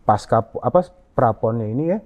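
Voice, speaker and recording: A man answering interview questions in a halting way, with frequent fillers and restarts. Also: mid-range voice, expressive. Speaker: interview guest. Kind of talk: conversational interview. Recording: dull lo-fi audio.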